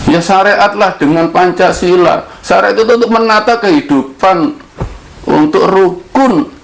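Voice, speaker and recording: Man from Java, measured and earnest, slow delivery, faint hiss behind. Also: high-pitched, creaky, low-quality recording. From Java, Indonesia. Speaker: speaker. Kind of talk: monologue.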